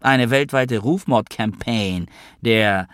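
A man's voice: mid-range voice, slow, fairly bright tone, no room sound, studio quality, pitched above the performer's own voice. A man reading an audiobook, voicing a scheming, crude male blackmailer who taunts his victim theatrically. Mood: threatening.

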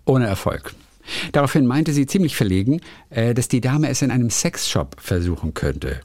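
Lively man reading listener letters. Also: medium pitch, moderate pace, dry recording, studio quality. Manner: lively, laughs often, reads with playful emphasis. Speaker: podcast co-host reading listener mail. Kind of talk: casual chat, reading letters aloud.

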